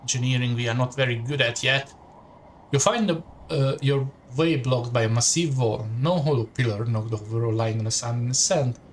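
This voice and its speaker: A man's voice: medium pitch, normal speed, slight background noise. A man streaming a story game, reading the text aloud in second person and adding casual asides.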